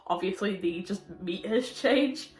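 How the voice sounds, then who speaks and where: A woman's voice: medium pitch, unhurried. A woman with a slight cold gives a casual, chatty book review, sounding muffled as if through a window. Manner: informal, laughs often as she talks. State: a little sick with a cold. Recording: roomy echo, muffled sound.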